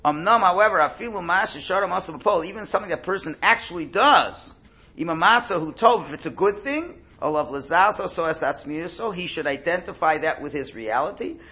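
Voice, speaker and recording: A man with a fairly high, forceful voice teaches as a rabbi, reading a religious text and putting it into plain words. His speech is slightly off, as with a cold sore in the mouth, and he explains by restating each phrase. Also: expressive, fairly quick. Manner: explanatory, repeats phrases in translation. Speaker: rabbi giving a class. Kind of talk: religious text lesson, reading and translating aloud.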